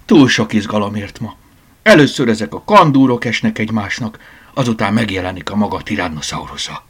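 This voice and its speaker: A man voicing a fussy, excitable older woman who owns a cat, reading a storybook. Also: fairly low pitch, husky, voice pushed up. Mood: flustered, indignant.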